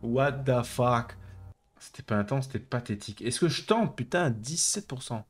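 A man's voice: mid-range voice, very animated, a little fast, slightly rough. French man reading game text with jokes. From France. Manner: laughing, swearing, reading game text aloud. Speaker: gameplay commentator. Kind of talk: let's play commentary.

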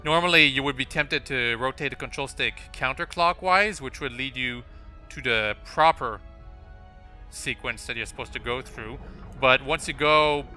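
A man's voice: mid-range voice, moderate pace, sharp tone. A young man giving casual, rambling gameplay commentary, often restarting his sentences and filling gaps with "uh" and "like". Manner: rambling, self-correcting, frequent fillers and restarts. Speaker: let's play commentator. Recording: game music playing behind.

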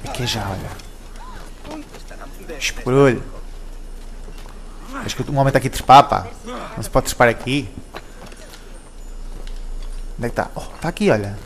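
Cheeky European Portuguese gamer. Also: male voice, medium pitch, a little slow, long pauses. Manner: joking, cheeky, talks to the characters. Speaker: gameplay commentator. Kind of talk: casual gameplay commentary.

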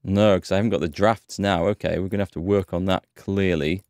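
A man in his thirties from North Yorkshire, England, does casual let's-play commentary on a headset mic, chatting and thinking aloud while slightly under the weather with a cold. His delivery is a little fast with fairly even intonation, and his voice sits low with a darkish tone. The recording, from his indoor home streaming room, has no room sound and studio quality.

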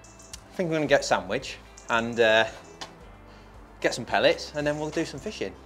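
A man's voice: medium pitch, animated, moderate pace, fairly bright tone, soft background music. A man presenting a casual fishing vlog outdoors, talking viewers through the venue with chatty enthusiasm. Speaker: fishing vlogger. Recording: outdoor recording with clear background noise.

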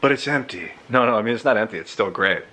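A man in his thirties vlogging casually into a handheld camera, relaxed and reflective, rambling between thoughts. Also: lowish voice, quick pace. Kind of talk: casual travel vlog. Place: airport and apartment. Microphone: handheld camera at arm's length. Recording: loud background noise.

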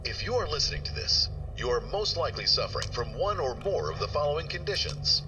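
An actor voicing a calm, reassuring male emergency guidance recording in a game, heard through an in-game radio. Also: on the high side, fast. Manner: even, reassuring announcer reading instructions. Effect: played through an in-game radio. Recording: distant radio playback with noise.

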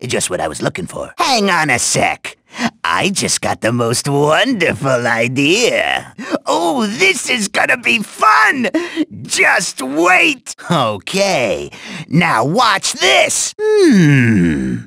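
Raspy, zany cartoon villain doctor. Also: male voice, on the high side, wildly swooping pitch, takes it slowly, sharp tone, no echo, studio quality, exaggerated voice. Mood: gleeful, scheming. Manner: chatty, wisecracking, theatrical, swinging between exclamations and muttered asides. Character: zany, chummy goblin-like mad doctor villain, gleefully wicked. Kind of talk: exaggerated cartoon game voice acting.

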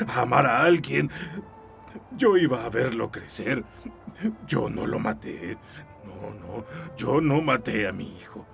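An actor dubbing a grief-stricken, unhinged father in a TV drama, pleading in a gravelly voice and repeating denials. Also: medium pitch, a bit bright. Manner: repeats denials, slides into a sobbing lullaby. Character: grief-stricken father, unhinged, denying his son's killing. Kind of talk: dubbed TV drama.

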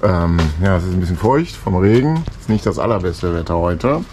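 A man's voice: low voice, animated, moderate pace, darkish tone, slight background noise. An older man filming himself at a boatyard, talking casually with jokey, self-mocking asides into an action camera held at arm's length. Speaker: sailing vlogger. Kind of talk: casual self-filmed commentary. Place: outdoor boatyard.

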